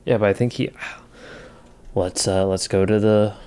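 A man's voice: lowish voice, steady tone, normal speed, mellow, smooth. A man co-hosting a casual guitar podcast, easygoing and agreeable, readily admitting when he is wrong. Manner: easygoing, agreeable, self-correcting. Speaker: podcast co-host. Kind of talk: casual chat.

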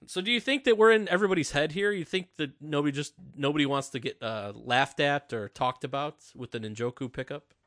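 A man's voice: on the high side, a little fast, a bit bright, no room sound. Dry-sounding man hosting a podcast. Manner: jokey, reads listener emails. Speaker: podcast host. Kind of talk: casual podcast chat.

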